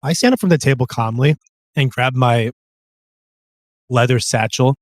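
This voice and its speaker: A man playing a tabletop game talks casually at a middle pitch. He describes his character's moves plainly. The sound is dry and close. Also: normal speed, no echo. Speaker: player.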